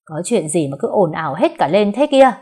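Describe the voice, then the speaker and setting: A woman's voice: fairly low pitch, sing-song, brisk, mellow, breathy edge. A woman voicing a stern older father who questions firmly in an audio story.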